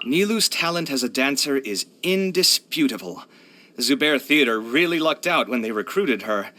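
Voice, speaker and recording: A video game voice actor delivers character lines as a young male architect, bright and expressive, proud and earnest but hard-luck. His mid-range voice moves at normal speed, chatty, candid and sighing, with a thoughtful, admiring mood.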